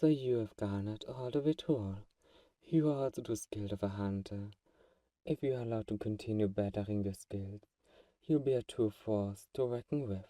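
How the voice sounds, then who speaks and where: A man voices a male vampire, dark and very mellow with a slightly low pitch, speaking at normal speed in a close audio drama monologue. Teasing and possessive toward his hunter friend, he sounds confessional and wry, sighing and chuckling softly in a light performance. The mic sits at a distance, and the sound is very dry, with no room or echo.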